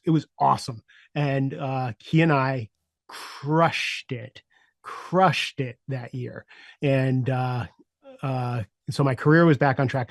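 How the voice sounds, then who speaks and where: An older man in his sixties shares his personal story as a podcast guest. His voice sits at a middle pitch, and he talks reflectively with many "uh" pauses. The sound is dry and close, with no room echo. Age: 60s. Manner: reflective, many "uh" fillers, drops softer at emotional moments.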